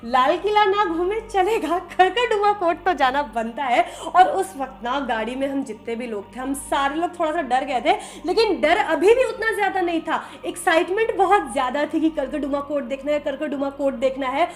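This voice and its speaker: A young woman vlogger telling a story to her viewers in an animated, chatty way. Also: high-pitched, moderate pace, few pauses. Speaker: vlogger narrating a trip. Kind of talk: casual storytelling vlog.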